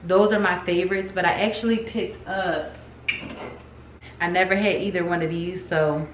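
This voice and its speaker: A woman vlogger chatting casually to her viewers in slangy, informal speech with drawn-out emphatic words. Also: lowish voice, steady tone. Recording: roomy echo, some background noise.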